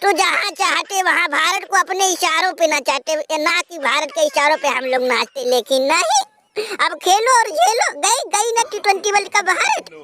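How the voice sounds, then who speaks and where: A man's voice: very high voice, normal speed, pushed and bright. A man voicing a self-pitying defeated male cricket rival who wails and half-laughs while crying, in a comedic dubbed sketch. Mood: complaining. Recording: noisy recording with clicks.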